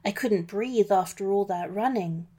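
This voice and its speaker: A woman narrating a children's storybook in the first person, in a gentle, unhurried reading voice. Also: mid-range voice.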